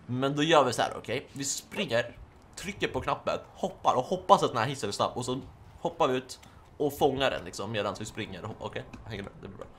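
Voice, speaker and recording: A young man giving casual, excitable commentary while playing a video game, yelping and shouting during fights. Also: mid-range voice, a little hiss or hum. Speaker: gaming YouTuber. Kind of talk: casual Let's Play commentary.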